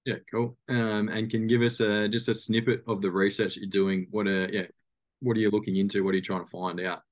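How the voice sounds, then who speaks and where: A man's voice: fairly low pitch, level tone, fairly quick, dry recording. An Australian man co-hosting a podcast, asking questions in a jokey, bantering way. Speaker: podcast co-host. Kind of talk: casual podcast chat.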